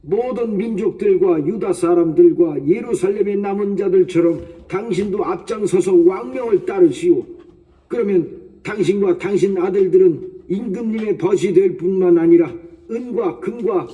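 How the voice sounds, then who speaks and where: A man's voice: sits high, moderate pace, mellow, muffled recording, natural voice. A man playing a king's official who speaks formally and coaxingly, heard from a distance. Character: smooth-talking royal official, persuasive. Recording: distant from the mic.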